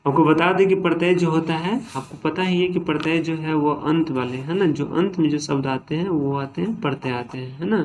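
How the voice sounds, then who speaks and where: A slightly high, somewhat mellow male voice talks fairly quickly, barely pausing, with slight background noise. He gives a classroom-style grammar lesson, separating words into syllables and often asking "ठीक है" or "है ना" as he repeats himself.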